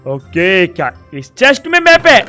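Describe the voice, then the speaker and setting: A young man giving excited gameplay commentary, exclaiming and sometimes shouting. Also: sits high, a little slow, soft background music. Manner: animated, exclaiming, bursts of shouting. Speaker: gaming video host.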